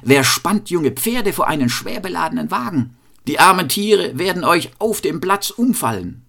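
A man voicing a cantankerous, fault-finding master shoemaker, scolding in a high nagging tone in a fairy tale reading. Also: very animated, moderate pace, a bit bright. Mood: outraged.

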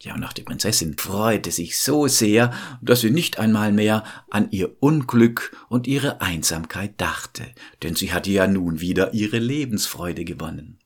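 A man's voice: fairly low pitch, animated, measured pace, hardly any pauses, slightly rough. A man telling a fairy tale aloud and speaking directly to his listeners. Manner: warm, addresses listeners directly. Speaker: storyteller.

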